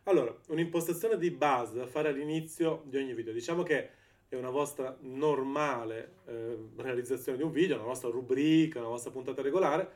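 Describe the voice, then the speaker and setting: A man's voice: mid-range voice, brisk, darkish tone. A man hosting a podcast in a casual, chatty interview style, often doubling up words as he talks. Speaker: podcast host.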